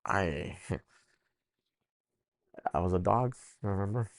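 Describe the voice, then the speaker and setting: A man telling his personal faith testimony, emotional and halting, often repeating words as he speaks. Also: low voice, creaky, dry recording.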